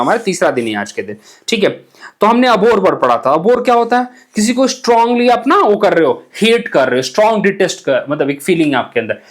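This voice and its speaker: A man teaching English vocabulary for exam aspirants, explaining words in Hindi mixed with English and often checking "ठीक है?". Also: high-pitched. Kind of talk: exam-prep vocabulary lesson.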